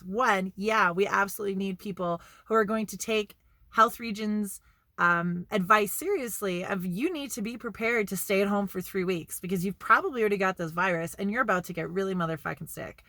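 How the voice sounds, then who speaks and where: A woman's voice: medium pitch, bright, forceful tone, dry recording, clean studio sound. Blunt, emphatic woman vlogger. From Canada. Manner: blunt and emphatic, swears freely, repeats for emphasis. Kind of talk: casual vlog monologue.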